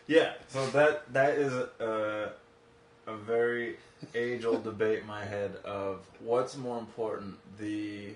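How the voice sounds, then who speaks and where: A man's voice: lowish voice, fairly even intonation, slow, roomy sound, slight background noise. A man hosting a casual podcast conversation in a home office, swearing casually and laughing often. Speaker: podcast host.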